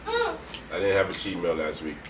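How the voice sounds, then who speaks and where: Low-voiced young man in a noisy room. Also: huge pitch swings, moderate pace. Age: young adult. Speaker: vlog co-host. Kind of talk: casual mukbang vlog chat. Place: indoor room, at a table. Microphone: camera a few feet away. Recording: echoey room, distant mic, clear noise.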